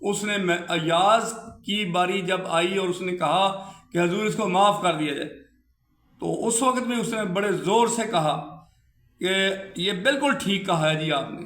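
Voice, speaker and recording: A man's voice: high-pitched, a bit bright, echoey room. A man with a Pakistani Urdu accent telling a moral tale in a conversational way, often speaking to his listeners directly and acting out the quoted lines. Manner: conversational, addresses listeners as "janab", quick bursts when quoting. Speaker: storyteller.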